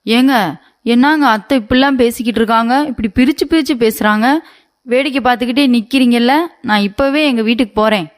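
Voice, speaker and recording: A woman's voice: a little high, quick pace, natural voice. A woman voicing a whiny, demanding young wife. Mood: aggrieved. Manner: complaining and pleading. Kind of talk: animated storybook voice acting.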